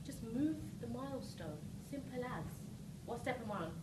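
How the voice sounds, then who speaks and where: A woman's voice: a little high, expressive, moderate pace. A woman giving a rousing, emphatic motivational seminar talk as a coach, often checking in with short questions. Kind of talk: motivational seminar speech to a live audience. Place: live seminar room with audience. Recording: roomy echo, distant mic, noisy background.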